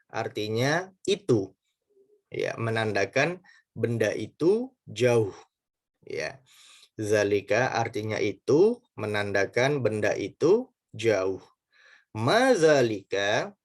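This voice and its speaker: A male teacher works through a beginner Arabic lesson at a slow, patient pace. He repeats each point, tags most sentences with "ya", and stretches out the Arabic words so students can copy them. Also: lowish voice. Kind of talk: recorded lesson.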